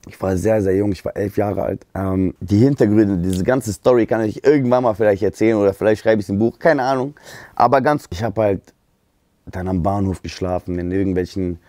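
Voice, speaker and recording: A man from Germany, telling stories on a livestream in an animated, slang-heavy way. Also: on the low side, a little fast, dry recording. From Speyer area, southwest Germany. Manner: animated, street slang, frequent "Bruder" and "gell". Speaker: streamer and rapper. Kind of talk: casual livestream storytelling.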